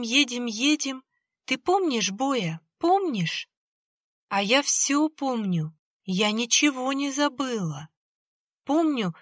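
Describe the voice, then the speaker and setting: A coaxing little ghost girl, played by a woman narrator with a rustling, childlike voice. She speaks slowly, high and loud, with no letup in her pleading, her voice dry and close. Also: no room sound, full character voice. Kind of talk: audiobook character voice.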